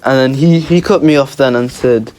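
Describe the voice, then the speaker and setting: A man's voice: mid-range voice, moderate pace, a little mellow, a little hiss or hum. A man hosting a casual storytime video, playful and rambling, often restarting his sentences. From Egypt. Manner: rambling, playful, self-correcting. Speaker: YouTube gaming host.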